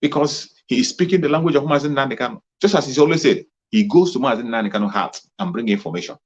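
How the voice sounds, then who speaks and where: A fast-talking man with a mid-range voice, a political commentator, delivers an impassioned monologue, repeating himself for emphasis in a fervent, rallying tone. The recording is muffled and lo-fi.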